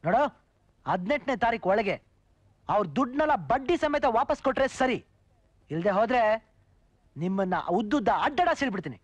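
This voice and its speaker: A man's voice: very high voice, lively intonation, fairly quick, pauses often, dry recording. An actor playing a brash, mocking man who threatens swindlers with bombs, taunting in rhymes. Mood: menacing taunts.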